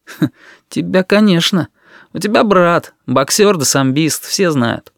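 A man voices a sulky, slang-heavy schoolboy who mutters his answers grudgingly. His voice is high and pushed up, with big pitch swings at normal speed, in clean studio sound with no room tone.

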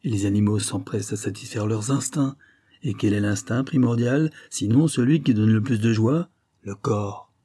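A man's voice: on the low side, moderate pace, dark tone, breathy edge. A man voicing a mocking, lecherous police chief in an audiobook. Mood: smug leering. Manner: smug, mocking.

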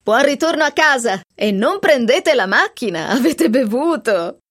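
A woman's voice: fairly high pitch, animated, moderate pace, pitched above the performer's own voice. A woman voicing an affable, self-satisfied older male judge in a radio novel reading. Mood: genial. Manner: genial, self-assured.

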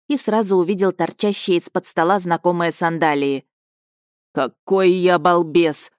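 A woman narrating a children's storybook audiobook in an even, measured way, close to the mic. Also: fairly low pitch, no room sound.

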